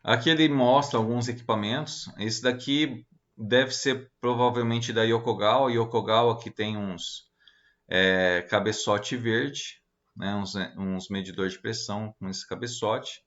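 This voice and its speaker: A man's voice: lowish voice, steady tone, unhurried, fairly bright tone, muffled recording. A man teaching an online lecture, talking casually with many fillers and checking questions as he walks through slides.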